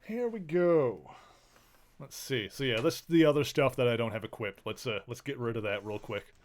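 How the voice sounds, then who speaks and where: A man with a medium-pitched voice talks fast while streaming a video game. His casual chat rambles, and he coos affectionately to his pets.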